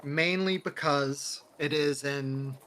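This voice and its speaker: Man doing a nervous tradesman NPC, stammers, slow and bright. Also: on the high side, a little hiss or hum. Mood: uneasy. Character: jittery male carpenter drinking ale after work.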